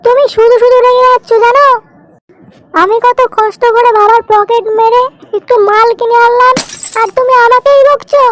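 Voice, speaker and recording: A very high, pitched-up young cartoon sidekick voiced by a man with a West Bengal accent. He sounds put-upon and plaintive, always complaining. Clear noise runs behind him. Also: steady tone, normal speed. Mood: hurt. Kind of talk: comic cartoon dialogue.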